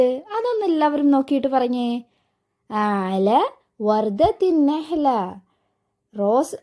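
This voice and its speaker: High, lively-voiced woman teaching young kids. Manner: patient and coaxing, asks the children many questions and repeats words for them to echo. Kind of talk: online class for young children.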